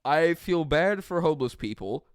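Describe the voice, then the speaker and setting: A man's voice: on the high side, animated, moderate pace, smooth, dry recording, clean studio sound. A young man from New Zealand, co-hosting a podcast in casual chat, rambling and mocking himself with frequent laughs. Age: young adult. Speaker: podcast co-host.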